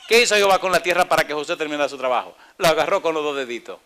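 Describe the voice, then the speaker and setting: A male pastor preaching with a bright, somewhat high voice. He fires questions at the congregation and acts out the people in his story with playful voices. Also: racing, clear, resonant tone. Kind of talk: sermon.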